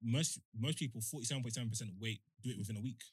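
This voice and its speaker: A man's voice: mid-range voice, racing, husky, no room sound. A young man with a London accent, co-hosting a podcast in casual chat and reading out figures. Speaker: podcast co-host.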